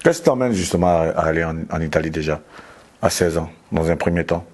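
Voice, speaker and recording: Male interviewer with a husky, lowish voice who presses for details in a relaxed chat. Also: a little fast. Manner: probing, addresses the guest informally with follow-up questions. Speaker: interviewer for an online celebrity news channel. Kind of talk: casual conversational interview. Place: guest's home.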